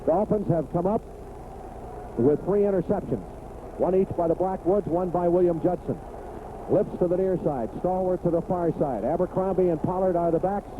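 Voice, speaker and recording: At a moderate pace, an American man with a high voice calls live football in clipped bursts that climb into excitement. The audio has the tinny quality of a 1980s radio broadcast, with clear background noise.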